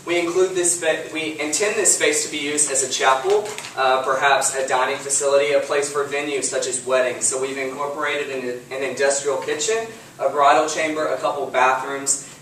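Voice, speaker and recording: A young student from Lufkin, Texas, presents a class project, methodically working through his slides and filling pauses with frequent ums and uhs. His voice is fairly high and fairly bright. The mic sits at a distance in a very echoey room with faint background hiss.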